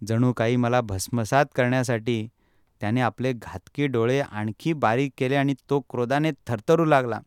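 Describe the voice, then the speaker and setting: A man reading a first-person travel memoir aloud in steady, measured narration. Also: medium pitch, clean tone, dry recording, studio quality.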